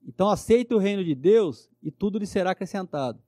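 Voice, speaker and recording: A man speaks in a notably high but soft, mellow voice. He tells a personal story with earnest fervor, often checking in with little tag questions. The sound is close and dry, with no room echo. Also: expressive, fast. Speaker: guest. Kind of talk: personal testimony in conversation.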